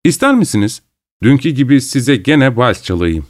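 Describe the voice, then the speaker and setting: A man's voice: medium pitch, very animated, normal speed, lightly acted. A man reading an audiobook, voicing a brusque young male painter who speaks abruptly. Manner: abrupt, shouting out.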